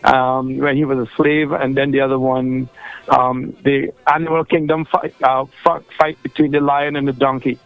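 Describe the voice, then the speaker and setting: Over a dull, lo-fi phone line, a Trinidadian-accented radio caller rambles chattily, full of fillers and restarts, in a casual phone-in. His mid-range voice stays level, with vocal fry, a moderate pace, and no echo.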